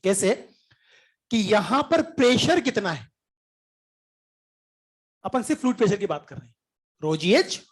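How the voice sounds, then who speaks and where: A man's high voice swings widely in pitch as he lectures on physics at a measured pace with long pauses. The talk is chatty and informal, with English terms mixed in, occasional throat-clearing, and frequent checks that the class followed.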